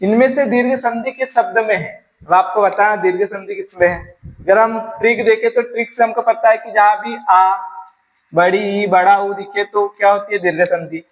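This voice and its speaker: A man's voice: sits high, steady tone, moderate pace, poor audio. A man with a Rajasthani accent teaching an exam-prep grammar lesson, explaining step by step and asking and answering his own questions.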